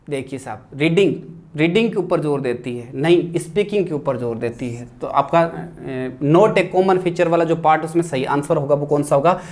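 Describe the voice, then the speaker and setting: A man's voice: on the high side, darkish tone. A man teaching an exam-prep grammar class, posing questions and answering them himself and mixing English terms into his explanations.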